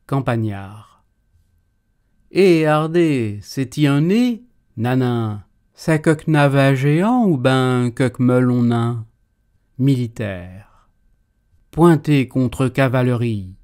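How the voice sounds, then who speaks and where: A proud swordsman-poet, acted out by a man, declaims theatrical verse in a medium-pitched voice. He takes his time over each phrase, mocking and witty, changing tone with showy stage flair. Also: darkish tone, natural voice. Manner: declamatory, shifting tone from line to line. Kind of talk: theatrical French verse monologue.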